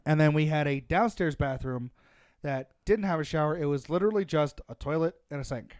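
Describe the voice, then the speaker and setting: A man's voice: a little high, a little fast, darkish tone, no room sound, clean studio sound. A man co-hosting a casual chat show, reading a story aloud and joking between lines. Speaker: podcast host reading stories.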